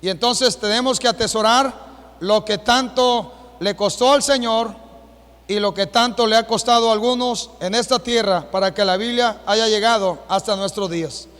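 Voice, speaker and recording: A Mexican man preaching a sermon as pastor, with a Mexican Spanish accent, asking the congregation rhetorical questions and rising to shouts. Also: sits high, normal speed. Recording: long hall reverb.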